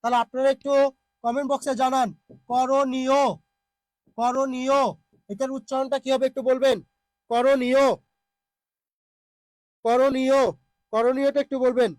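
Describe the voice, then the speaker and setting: Sick guy teaching a live online class, real high voice, repeats words slow, dry close mic w a hum. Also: little pitch movement, no room sound. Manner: patient, repeats words slowly for drill. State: unwell. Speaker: online Bengali grammar teacher. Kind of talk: live online class reading viewer comments.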